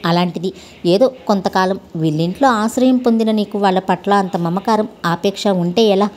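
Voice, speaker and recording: A woman reading a storybook voice for a kind, educated young woman who gently coaxes like an older sister. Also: mid-range voice, normal speed, lightly acted. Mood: reassuring.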